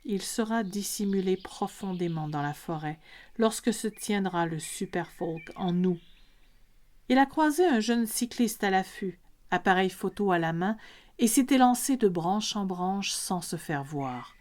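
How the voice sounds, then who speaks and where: A woman's voice: medium pitch, animated, a little slow, darkish tone. A woman reading a scripted story as a podcast narrator.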